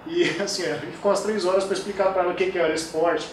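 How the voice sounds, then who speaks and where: A man's voice: sits high, racing. A man in his forties, a kettlebell sport coach, telling stories animatedly in a casual interview, recorded far from the mic in an echoey room with background noise. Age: 40s. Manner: animated storytelling, acts out quoted voices.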